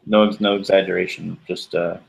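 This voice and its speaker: A man's voice: deep voice, little pitch movement, normal speed, gravelly, slightly rough. A man from New York chatting casually as a guest, laid-back with stammering restarts. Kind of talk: casual chat. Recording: dull muffled sound.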